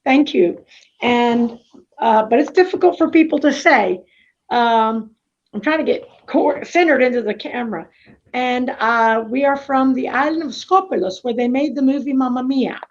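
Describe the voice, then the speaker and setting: A woman from Florida whose first language is Greek speaks at a summit over a video call, her voice a little high and her pace moderate. She tells her life story in a chatty, rambling way, often interrupting herself, and the call audio sounds dull and lo-fi.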